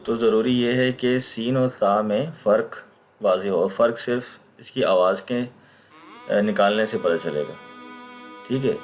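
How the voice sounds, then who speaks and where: A patient Quran recitation teacher talks through a recorded online lesson in a fairly low voice, sounding out each letter slowly and repeating it aloud. Faint, soft music plays in the background.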